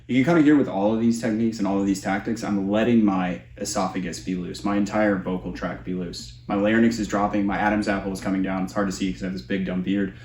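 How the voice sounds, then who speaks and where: A man's voice: deep voice, steady tone, quick pace, hardly any pauses, a little mellow, a little hiss or hum. A man giving a casual, explanatory tutorial as a vocal coach. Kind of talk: instructional tutorial with vocal demonstrations. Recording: roomy echo.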